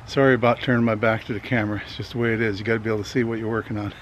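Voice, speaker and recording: Filming himself in a suburban front yard, an amateur in his sixties speaks plainly and casually to the camera, poking fun at himself. He talks rapid-fire in a lowish voice with little pitch movement. The audio comes from a camera mic at shifting distances, with the highs cut off and clear outdoor ambient noise.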